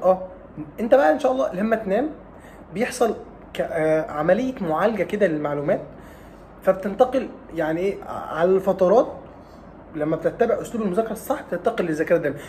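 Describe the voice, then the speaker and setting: Rapid, animated Egyptian advice vlogger. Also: male voice, sits high, a little hiss or hum. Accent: Egyptian Arabic. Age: young adult. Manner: teasing, rhetorical, scolding like a big brother. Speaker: study advice YouTuber. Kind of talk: casual advice vlog.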